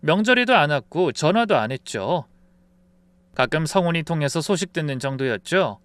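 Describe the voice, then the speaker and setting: A man reading a first-person story aloud in a calm, confessional manner. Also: fairly high pitch, normal speed, smooth, dry recording. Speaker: story narrator.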